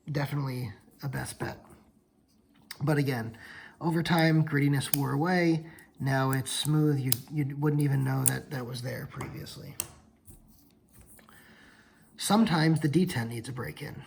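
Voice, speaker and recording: A man's voice: medium pitch, normal speed, vocal fry, pauses often, a little mellow, a little hiss or hum, poor audio. A tired man yawning late at night, casually demonstrating knives on his channel and often correcting himself as he rambles. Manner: rambling, self-correcting explanations. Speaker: knife channel host. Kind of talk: casual hands-on demo vlog.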